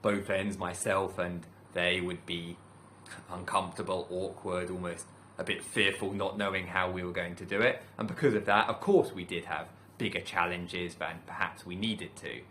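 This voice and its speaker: A British teacher who hosts his own channel gives a calm, reflective solo talk to camera, spacing his thoughts with measured pauses. His voice is low but bright and clear, with a faint hiss under the recording.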